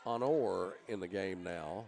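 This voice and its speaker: A man from calling basketball play-by-play in short, quick phrases that rise when shots fall. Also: deep voice, gravelly, darkish tone. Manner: rapid terse play calls, rising when shots fall. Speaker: play-by-play announcer.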